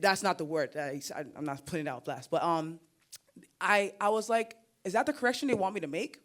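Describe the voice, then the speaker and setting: A young woman creator with a lowish voice and a Nigerian-American accent speaks fairly quickly during a conference panel at a summit. She's animated and expressive, repeating words and breaking into laughter.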